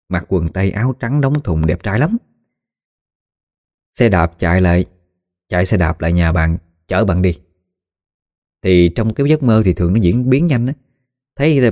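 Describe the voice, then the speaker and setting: A man narrating a spooky story in a folksy, animated way, acting out the voices of the people in it. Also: low-pitched, no echo, clean studio sound. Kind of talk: spoken ghost story narration.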